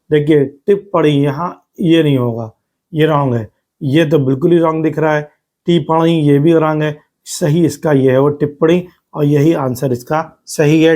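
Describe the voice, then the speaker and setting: A man teaching exam spelling over slides, who repeats words slowly for stress and explains step by step. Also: a little high, darkish tone. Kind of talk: spoken lesson over slides.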